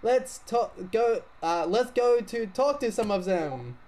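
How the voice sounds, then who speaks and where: A woman's voice: mid-range voice, animated, takes it slowly, dark tone. A man voicing a chirpy female TV announcer in a put-on French accent, bubbly and theatrical. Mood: gushing. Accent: fake French.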